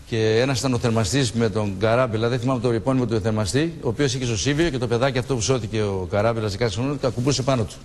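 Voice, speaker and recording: A man's voice: mid-range voice, hardly any pauses, big-room sound. A man in his sixties, a shipwreck survivor, telling his story in a TV studio interview and acting out the dialogue he remembers. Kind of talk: emotional recollection in a TV studio interview.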